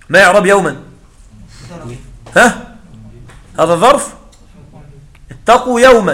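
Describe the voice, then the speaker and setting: A man's voice: high voice, pushed and bright. A man teaching Arabic grammar to a class, explaining rules through examples and checking whether students follow. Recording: echoey room with faint noise.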